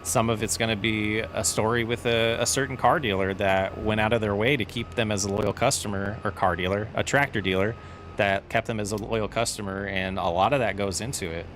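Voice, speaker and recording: A man streaming a farming game chats casually with viewers, rambling through his answers to their questions. His fairly low voice is steady, brisk, and fairly bright, with faint game vehicle noise behind him.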